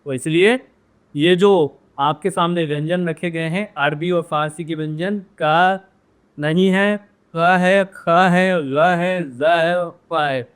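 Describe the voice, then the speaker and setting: A man teaching a Hindi grammar lesson, drilling pronunciation by repeating words slowly and checking in with viewers. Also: a little high, clean tone. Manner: addresses viewers directly with frequent "है ना?". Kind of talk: classroom-style grammar lesson.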